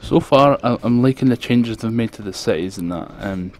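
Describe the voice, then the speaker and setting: A man with a thick Scottish accent giving casual, rambling commentary over gameplay. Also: normal speed. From Scotland. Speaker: gaming video creator, commentator. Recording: low-quality home mic with background noise.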